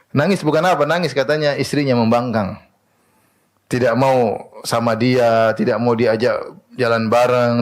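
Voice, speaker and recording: A man preaching a sermon in an animated way, asking rhetorical questions and answering them himself. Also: mid-range voice.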